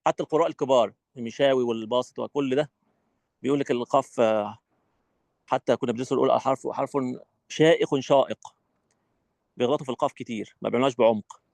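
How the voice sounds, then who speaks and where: A man with an Egyptian Arabic accent teaching Quran recitation rules in an online training session, animated and demonstrative. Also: medium pitch, racing, creaky, dry recording. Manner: animated, demonstrative, acts out his classroom.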